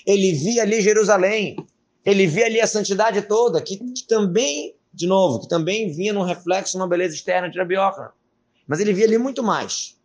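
Fast-talking man teaching Torah. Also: high-pitched. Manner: lively, colloquial, with Hebrew terms and slang. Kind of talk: casual Torah lesson, retelling a Talmud story.

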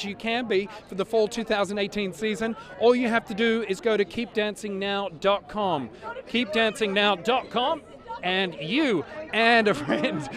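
Guy doing gushing red carpet chatter, pretty high upbeat voice, crowd noise all around. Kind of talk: live presenting to camera, red carpet chatter. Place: outdoors at a shopping plaza. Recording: busy outdoor crowd behind.

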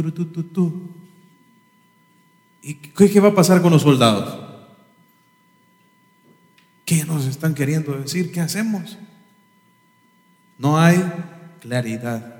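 A man preaching a sermon from the pulpit, emphatic and full of rhetorical questions. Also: fairly high pitch. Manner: emphatic, rhetorical questions, imitates instrument sounds. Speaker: pastor. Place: church sanctuary. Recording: echoey hall, reverb.

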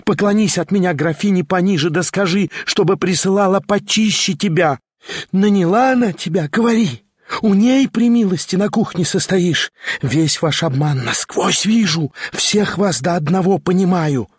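A man's voice: sits high, moderate pace, slightly rough, no room sound, studio quality, voice pushed up. A man reading an audiobook, voicing a half-mad woman who taunts and mocks in a singsong way. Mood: mocking. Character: half-mad woman, shrill, mocking, exalted.

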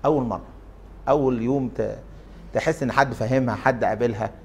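A man's voice: medium pitch, steady tone, a little fast, a little mellow, slight background noise. A man with an Egyptian Arabic accent giving an interactive lecture. He often questions the class and stretches out his fillers.

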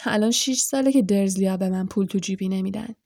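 A woman voicing a sensible, quiet boy wizard in an audiobook, speaking in a hushed, matter-of-fact way. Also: mid-range voice, dry recording, clean studio sound, close to an everyday voice. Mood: plain. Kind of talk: audiobook character voice.

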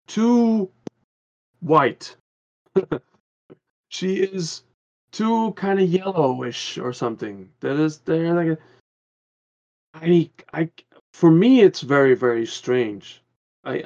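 A man's voice: fairly high pitch, a little mellow, muffled recording. A man from the Caribbean, a guest on a podcast, talking in an earnest, rambling way with many restarts. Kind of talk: casual podcast conversation.

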